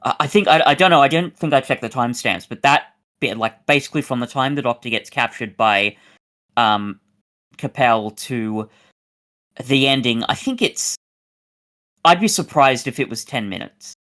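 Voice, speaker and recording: A man co-hosting a casual review podcast, rambling through his points with restarts and sudden jumps up in pitch. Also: animated, normal speed, fairly bright tone. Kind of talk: casual chat.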